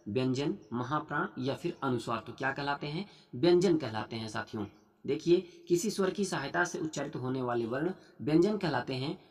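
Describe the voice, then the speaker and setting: Husky young guy teaching an exam prep class, reads mcq options then explains, keeps saying friends. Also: mid-range voice. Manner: reads multiple-choice questions, then answers them with explanations; addresses students as "saathiyon" over and over. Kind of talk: online exam-prep lesson.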